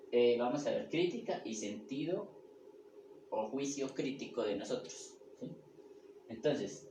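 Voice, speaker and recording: Man giving a spiritual lecture in an echoey room. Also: mid-range voice. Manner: frequent "¿sí?" check-ins, repeats phrases. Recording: echoey room with background noise.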